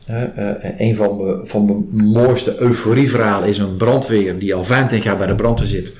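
In an interview, a male trainer in a body-based stress release method explains his approach conversationally, acting out sample questions and client remarks. He speaks at a moderate pace in a lowish, steady, slightly mellow voice. The room echoes, and the background noise is clearly audible.

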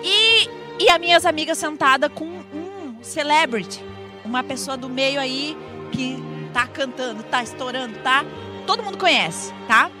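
A woman telling a comic anecdote on a talk show in an animated, chatty way. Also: high-pitched, measured pace, over music. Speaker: guest storyteller.

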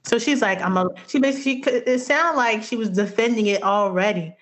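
A woman co-hosting a casual music chat, chatty and quick to laugh, acting out what others said. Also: a little high. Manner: chatty, laughs often, acts out quotes. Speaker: podcast co-host.

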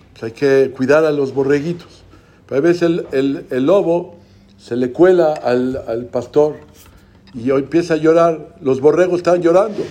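A man's voice: a little high, dark tone. A man giving a religious lecture, preaching and asking rhetorical questions. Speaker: religious speaker.

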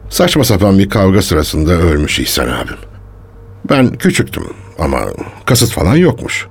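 An actor playing a defensive male archaeologist under police questioning, guarded and quick to take offence, in a radio drama. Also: low voice, wildly swooping pitch, slightly rough, exaggerated voice. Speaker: suspect being questioned.

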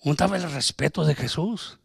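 A man's voice: on the high side, brisk, gravelly, slightly rough, no room sound, studio quality. A man preaching a sermon, emphatic, asking rhetorical questions and acting out conversations.

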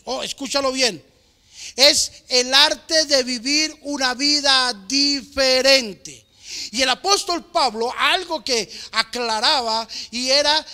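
High-voiced pastor preaching slowly. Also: male voice, pushed and bright. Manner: emphatic, slow, drawn-out preaching. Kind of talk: sermon. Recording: long hall reverb.

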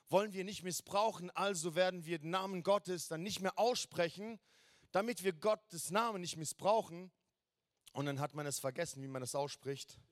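Fervent male preacher with a raised pitch. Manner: passionate, enthusiastic, shouts halleluja. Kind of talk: sermon.

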